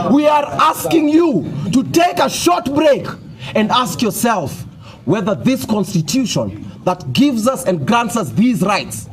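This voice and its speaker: A man with a Kenyan accent gives a fiery revolutionary political speech as an activist spokesperson, rallying people with repeated phrases and call and response. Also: high voice. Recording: loud crowd responding around speaker. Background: crowd answering and chanting.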